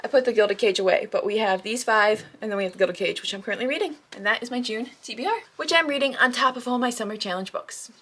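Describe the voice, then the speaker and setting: A woman with a fairly high voice chats at home about her reading plans. She talks casually and gushes with excitement, and her speech is full of fillers. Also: quick pace, few pauses. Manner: gushing, excitable, chatty with many fillers. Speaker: book vlogger. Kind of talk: casual chat.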